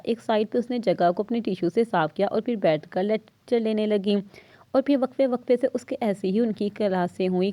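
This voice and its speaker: A woman reading a novel aloud in steady storytelling narration. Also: mid-range voice, no echo.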